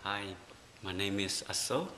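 A man's voice: on the low side, unhurried. A young man from Burma introducing himself in simple, friendly sentences on camera. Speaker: volunteer and student. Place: indoor room, plain wall. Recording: roomy, faint hiss.

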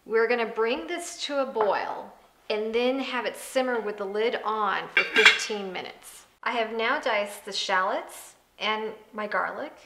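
Very noisy audio carries a fairly high female voice at a measured pace. The speaker, an American woman in her thirties, hosts a cooking demonstration from her home kitchen, conversationally explaining each step of a recipe while music plays in the background.

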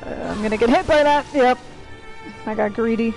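A woman's voice: fairly high pitch, moderate pace, creaky, a little mellow, faint music behind. A woman streaming a game live, swearing and exclaiming at it and chatting with her viewers. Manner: chats to viewers. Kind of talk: live gameplay commentary.

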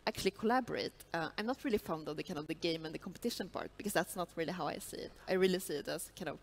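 Low-voiced woman speaking on a panel. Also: racing. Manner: thoughtful, uses many fillers like kind of. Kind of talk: panel discussion. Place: large stage. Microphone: headset.

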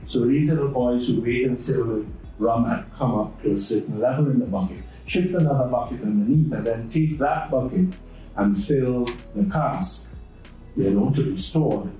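A man on a panel calmly explaining how things were done. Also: medium pitch, moderate pace, faint music behind. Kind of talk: anecdotal storytelling. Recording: echoey hall, distant mic.

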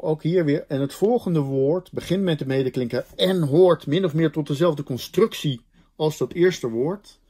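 A man's voice: on the high side, dark tone, husky. Man lecturing with restarts and fillers. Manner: explanatory, thinking aloud with many fillers and restarts. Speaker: linguistics lecturer. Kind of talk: recorded university lecture.

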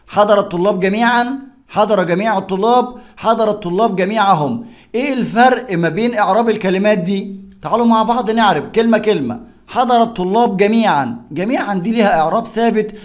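Egyptian male teacher, brisk and high-pitched, walks through grammar examples one by one. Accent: Egyptian Arabic. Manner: explains step by step, asks and answers his own questions. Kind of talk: grammar lesson.

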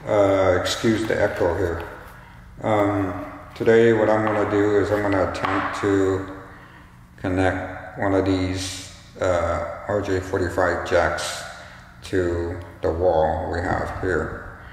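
A man giving a casual, unscripted do-it-yourself demonstration in a halting, tentative way, with a strong canyon-like echo in a bare room. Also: deep voice, level tone. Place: bare, echoey indoor room. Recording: strong echo, hollow reverberant room, faint noise.

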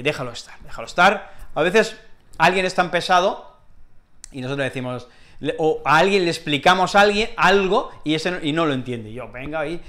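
A man with a Spain Spanish accent teaching a casual language lesson, acting out little scenes with lots of fillers. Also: on the high side. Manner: animated, acts out little scenes, many fillers.

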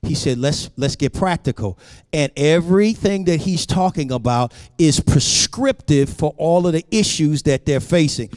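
A man's voice: a little high, lively intonation, normal speed, a little mellow, clean studio sound. A male pastor preaching a sermon with a preacher's rising cadence, often calling out "Amen" to the congregation. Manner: preacher cadence, rising to a sung, climbing delivery. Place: church sanctuary. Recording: long hall reverb.

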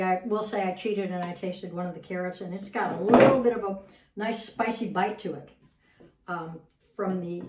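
A woman's voice: medium pitch, recorded from a distance, background noise. Chatty woman cooking in a roomy kitchen. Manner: chatty, repeats words as she works. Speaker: cooking show host. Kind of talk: casual cooking demonstration. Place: home kitchen.

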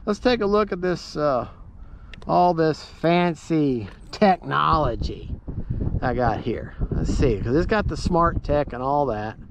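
This RC plane vlogger talks slowly in a slightly high, animated voice while piloting a model plane at an open model airfield. His commentary is loose, folksy and rambling, circling back over the same things as he flies. Heavy wind noise and a muffled quality mark the outdoor recording.

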